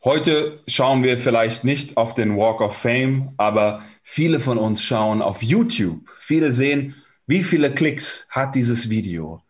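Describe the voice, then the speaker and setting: A man's voice: mid-range voice, expressive, a little slow. German man preaching in short phrases. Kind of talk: sermon with interpreter.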